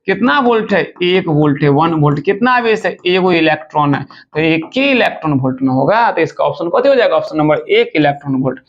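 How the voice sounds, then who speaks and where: A male physics teacher races through exam questions in a quick, chatty way. His voice sits high and gravelly. The recording sounds dull and lo-fi. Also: lively intonation. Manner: fast, chatty, addresses students informally as "bachcha". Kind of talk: objective-question exam lesson.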